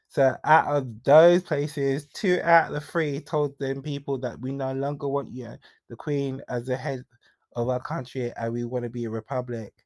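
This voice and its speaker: A man's voice: mid-range voice, darkish tone, dry recording. A young man, hosting a solo podcast and talking frankly and chattily, with confiding asides and bursts of emphasis. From Jamaica. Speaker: podcast host. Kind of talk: candid solo podcast monologue.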